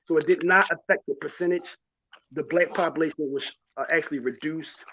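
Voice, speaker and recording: A man with a somewhat high voice explains his side of a debate in a measured way. The audio is slightly muffled and lo-fi. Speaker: debate panelist. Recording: dull lo-fi online audio.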